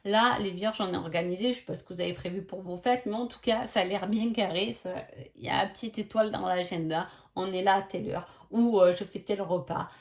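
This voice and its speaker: A woman's voice: mid-range voice, fairly even intonation, a little fast. A woman giving a casual oracle card reading sign by sign, chatty, with many hesitations and tag questions.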